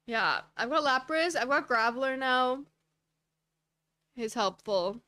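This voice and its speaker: Chatty woman streamer, high voice. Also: lively intonation, unhurried, pushed and bright, dry recording. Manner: chatty, reacts to viewer chat, rambling asides. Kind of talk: casual livestream chat while playing.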